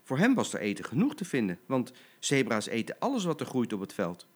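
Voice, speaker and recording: A man's voice: mid-range voice, wildly swooping pitch, a little fast, slightly rough. An older man, a grandfather, expressively reading a children's bedtime story aloud.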